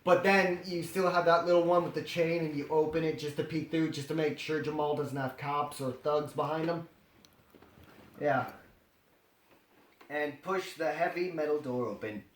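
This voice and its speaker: Here a man's fairly high, steady voice moves at a normal speed through a comic story reading, punctuated by dramatized, joking ad-libs. Faint noise, clicks, and a roomy echo color the audio.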